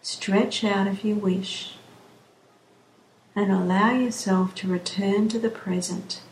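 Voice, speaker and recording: Slow soothing woman guiding relaxation. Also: mid-range voice, steady tone, a little hiss or hum. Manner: slow, soothing, drawn-out phrasing. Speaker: relaxation guide. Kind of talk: guided relaxation script. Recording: roomy echo, faint background ambience.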